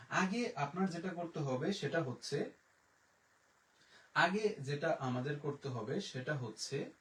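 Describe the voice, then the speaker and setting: A man teaching a live French lesson, patiently explaining and repeating sounds slowly to demonstrate them. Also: on the high side, distant mic. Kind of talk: live online language lesson. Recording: echoey room, voice a bit off-mic.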